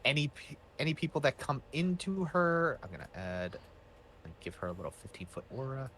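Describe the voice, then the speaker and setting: A man's voice: medium pitch, brisk, fairly bright tone, a little hiss or hum. Guy dm-ing a tabletop game, chill and rambling, lots of ums. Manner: casual, many fillers and restarts. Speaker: game master.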